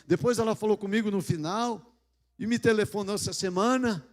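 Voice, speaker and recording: High-voiced Brazilian pastor in a reverberant hall. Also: male voice, a little fast. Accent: Brazilian Portuguese. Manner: animated, acts out dialogue with God, joking asides. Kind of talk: storytelling sermon. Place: large church hall.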